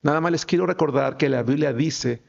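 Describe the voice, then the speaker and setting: A man preaching an emphatic sermon, a little high in pitch and gravelly with vocal fry. He keeps turning to the congregation with rhetorical questions. The recording sounds dull and lo-fi. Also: a little fast. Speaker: pastor.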